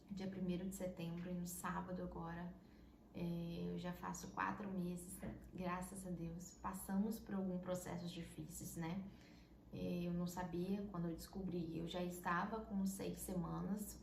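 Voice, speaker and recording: A woman's voice: on the low side, gravelly, darkish tone. A young woman from Brazil earnestly telling a personal story to camera, often tagging sentences with little questions. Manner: earnest, heartfelt, many tag questions. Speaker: vlogger. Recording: echoey room, faint noise.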